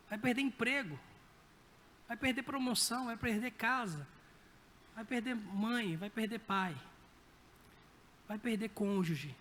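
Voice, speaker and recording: A man with a Brazilian Portuguese accent preaching a sermon, telling stories in a lively, humorous way. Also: high voice, slight background noise. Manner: lively anecdotal storytelling with humor. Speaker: pastor. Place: church sanctuary. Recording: reverberant church hall.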